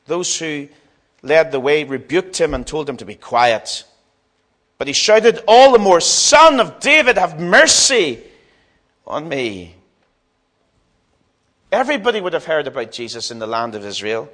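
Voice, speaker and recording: A man's voice: on the high side, sing-song, moderate pace. A man preaching a sermon in a dramatic, emphatic way, repeating phrases for stress and speaking to his listeners directly.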